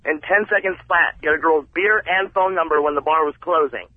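A man's voice: a little high, a little fast. A man phoning in to a show, chatting casually and bluntly over a telephone line. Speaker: caller. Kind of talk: casual phone-in chat. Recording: tinny, band-limited phone line.

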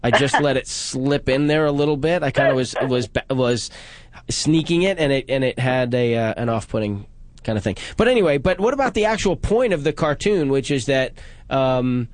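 A man's voice: medium pitch, animated, moderate pace, dry recording. A man hosting a call-in radio show, joking and self-deprecating, often restarting his sentences. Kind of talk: casual call-in talk.

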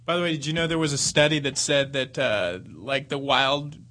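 A man's voice: mid-range voice, normal speed, sharp tone. A man chatting casually as a co-host on a talk show. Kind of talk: casual chat.

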